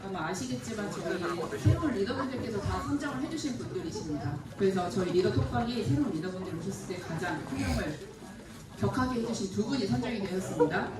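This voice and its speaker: A woman reading out name lists and announcements at a church youth gathering in a brisk, matter-of-fact way. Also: mid-range voice. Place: church hall. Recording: echoey hall from far off, noisy crowd. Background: loud crowd and noise.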